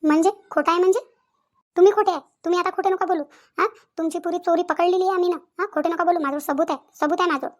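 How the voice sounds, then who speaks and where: A woman's voice: very high voice, steady tone, fast. A woman voicing a chatty village sister-in-law. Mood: accusing. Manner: bickering, confronting.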